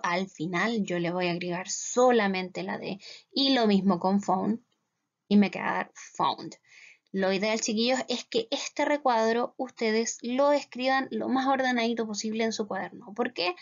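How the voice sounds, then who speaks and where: In a dull, lo-fi recording, a fairly high-voiced Chilean woman with a Chilean Spanish accent gives a classroom grammar lesson on English. Patiently, she draws the English words out slowly and repeats "¿cierto?" to make sure her students understand.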